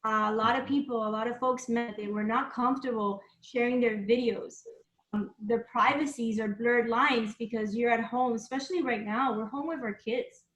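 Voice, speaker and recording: High bright-voiced woman presenting a webinar. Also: steady tone, moderate pace. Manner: conversational, loose with frequent ums and asides. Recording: roomy echo.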